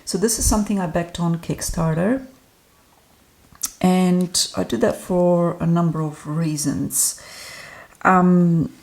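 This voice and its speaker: A woman's voice: fairly low pitch, fairly even intonation, slow pace, gravelly, pauses often, a little mellow. A woman talking casually and chattily to her viewers as she reviews an oracle card deck, with frequent ums. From Australia. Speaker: tarot reader and deck reviewer. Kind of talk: casual solo review talk.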